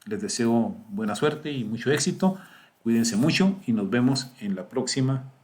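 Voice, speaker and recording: Male teacher, middle-aged, patient step-by-step screen-share lesson delivery, mid-pitched voice. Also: expressive, normal speed, darkish tone. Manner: patient, explaining step by step and often checking "¿sí?" and "miren".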